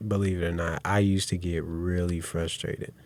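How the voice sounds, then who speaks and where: Low-voiced man from Kansas City. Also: normal speed. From Kansas City, USA. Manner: relaxed, laughing, slips into animated impressions. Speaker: guest musician. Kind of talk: casual interview chat.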